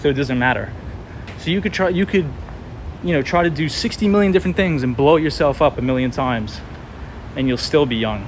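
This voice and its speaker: Street traffic fills the background as this New York City livestream host in his twenties strolls at night, talking to viewers by name. He sounds animated and encouraging, with a slightly high voice and a brisk delivery.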